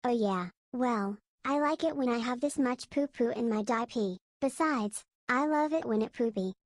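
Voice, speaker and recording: A woman's voice: fairly high pitch, normal speed, no echo, studio quality, voice pushed up, lightly acted. Woman doing a whiny toddler girl. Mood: silly. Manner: eager, pleading, repetitive.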